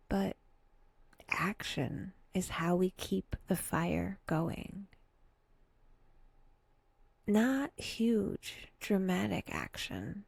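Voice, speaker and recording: Speaking very slowly and gently like a meditation guide, a breathy woman leads a soft, intimate guided meditation. Her mid-range voice is mellow and creaky at the edges, often dropping toward a whisper, with long pauses and a faintly wry touch. There is no room sound.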